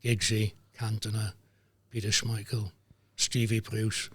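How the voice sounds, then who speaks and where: An older man, a former referee telling lively anecdotes as a guest, dropping into voices for the people he quotes. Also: on the low side, slow, breathy edge. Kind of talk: anecdotal storytelling.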